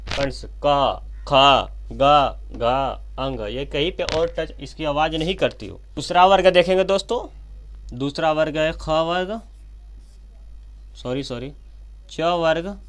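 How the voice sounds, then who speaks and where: Man teaching at a whiteboard. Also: fairly high pitch. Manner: addresses viewers as friends often, slow and repetitive, self-correcting. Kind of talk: whiteboard grammar lesson.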